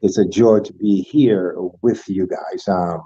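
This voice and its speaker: An older man speaking as a guest over a muffled video call. His voice sits low and mellow. He talks in ornate, churchly phrases, stopping often to restart. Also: steady tone, unhurried, slightly rough, no room sound. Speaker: guest speaker, school alumnus. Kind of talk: formal online panel talk.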